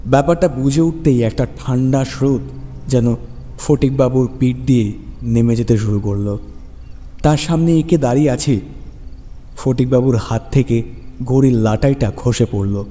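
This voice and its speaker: For a radio show, a man with a warm, medium-pitched voice gives a dramatic reading of a scripted horror story. Music plays in the background of the recording, washed in long reverb.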